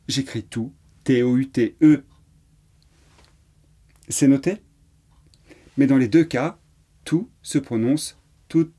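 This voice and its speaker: A man's voice: medium pitch, mellow, breathy edge. A man teaching French grammar in a patient lesson, repeating examples and spelling words letter by letter. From France. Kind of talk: slow explanatory lesson.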